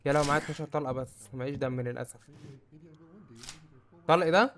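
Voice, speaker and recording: Jumpy, fast-talking Egyptian gamer man. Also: a little high, background noise. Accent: Egyptian Arabic. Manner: jumpy, yelps and shouts when startled. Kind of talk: let's-play commentary.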